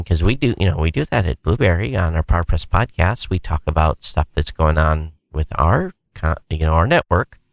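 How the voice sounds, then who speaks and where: A man's voice: deep voice, no room sound. A man co-hosting a podcast in casual chat, talking in a hesitant way with many restarts. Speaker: podcast co-host.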